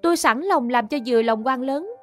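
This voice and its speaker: A woman's voice: high-pitched, expressive, brisk, soft background music. A woman playing a polite young woman who is accused of murder and answers an official deferentially. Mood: pleading. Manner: deferential, pleading.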